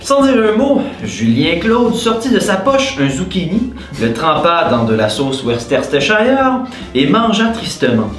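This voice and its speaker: A man reads a goofy mad lib, his pitch jumping all over as he laughs and yells through it. The room is echoey, with faint music underneath. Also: very animated, measured pace. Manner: laughs and shouts often while reading. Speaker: host reading a mad lib. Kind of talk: casual comedic game reading.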